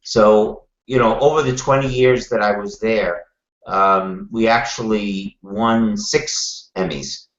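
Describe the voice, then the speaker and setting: An older man with a Brooklyn accent speaks as an interview guest, answering conversationally in a wry, deliberate way. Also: on the low side, steady tone. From Brooklyn, New York, USA. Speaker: guest, television producer. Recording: roomy, slightly muffled call audio.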